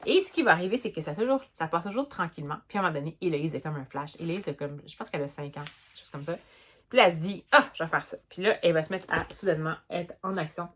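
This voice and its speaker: Young Québécois woman, book vlogger, chatty and animated, a little low-pitched. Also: fast talker, slight background noise. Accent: Québécois French. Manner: chatty, animated, many fillers and restarts. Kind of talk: casual book review vlog.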